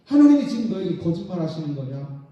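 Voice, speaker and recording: A middle-aged male pastor preaches with a lively, swooping delivery, slipping dramatically into quoted voices. His tone is very dark and mellow, sitting a touch high for a man. The sound is dull and distant, with heavy echo from a church hall. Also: fast talker. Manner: dramatic, acts out quoted voices of God and sinners. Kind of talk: sermon. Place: church sanctuary.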